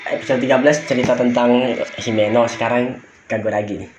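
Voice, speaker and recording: A young Indonesian man with a mid-pitched voice makes brief, casual reaction remarks. He speaks colloquially in an echoey room, with music playing behind. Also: fairly even intonation, brisk. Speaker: reaction video co-host. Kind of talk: casual chat reacting to a show. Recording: roomy echo with music behind.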